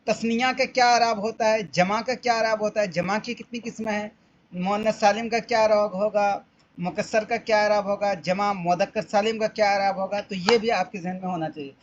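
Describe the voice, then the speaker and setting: A man's voice: sits high, fairly even intonation. A man teaching Arabic through an exam paper, explaining step by step and repeating each question. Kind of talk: exam-paper walkthrough lesson. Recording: dull lo-fi audio, faint background noise.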